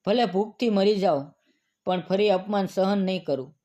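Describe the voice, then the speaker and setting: A proud old widowed mother, worn down by grief yet firm in her resolve, as a man reads her lines in a high voice. She speaks in a steady, sorrowful storybook manner, with no trace of pleading. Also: normal speed, close to an everyday voice. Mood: bitter resolve.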